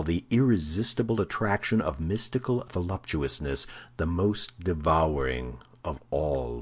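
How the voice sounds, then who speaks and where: Male narrator, audiobook, husky, very low voice, measured. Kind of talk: scripted narration.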